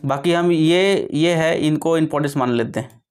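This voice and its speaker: Repetitive, slow-explaining man teaching a lesson. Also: fairly high pitch, darkish tone, clear, resonant tone. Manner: explains slowly with many repetitions and self-corrections.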